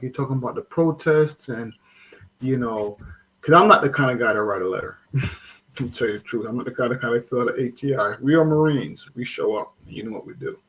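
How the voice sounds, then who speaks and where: A man's voice: medium pitch, fairly bright tone, rough recording. A man with an American accent speaking as a guest, earnest and rambling as he shares his views. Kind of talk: casual discussion.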